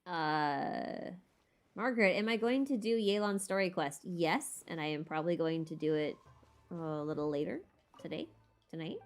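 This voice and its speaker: Faint music plays behind a woman whose voice sits low as she chats through viewer questions on game lore during a casual livestream. She talks at normal speed, informal and a little hesitant, thinking out loud.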